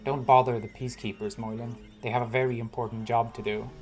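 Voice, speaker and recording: A man voicing a middle-aged lord and father who speaks slowly, firmly and formally in a storybook reading. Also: medium pitch, level tone, close to an everyday voice. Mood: placating. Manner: slow, firm and formal. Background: guitar music.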